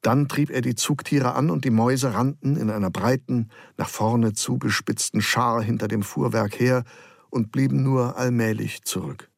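A man narrating a novel in a calm, measured storytelling manner. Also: medium pitch, creaky, no room sound, studio quality. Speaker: audiobook narrator. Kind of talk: scripted narration.

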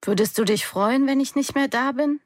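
A woman's voice: high-pitched, normal speed, no echo, studio quality, pitched above the performer's own voice, natural voice. A woman voicing a despairing, worn-out middle-aged mother with a weary, hollow manner.

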